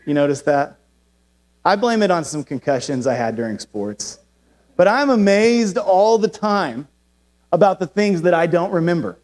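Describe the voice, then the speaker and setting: Male pastor, higher-pitched, conversational sermon with self-deprecating humor. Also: animated, moderate pace, a little mellow. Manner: conversational, self-deprecating, uses playful asides. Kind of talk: sermon with personal storytelling.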